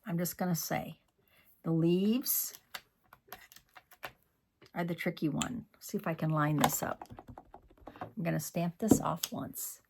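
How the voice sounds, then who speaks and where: A man's voice: a little high, slow, gravelly, long pauses, noisy background. A man demonstrating card-making in a chatty tutorial, scolding himself and muttering asides as he works. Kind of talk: crafting tutorial.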